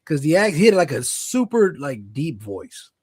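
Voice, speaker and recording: A man's voice: fairly high pitch, moderate pace, husky, no room sound. A young man co-hosting a casual late-night podcast, telling stories in a loose, slangy way. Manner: animated, slangy storyteller. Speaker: podcast co-host.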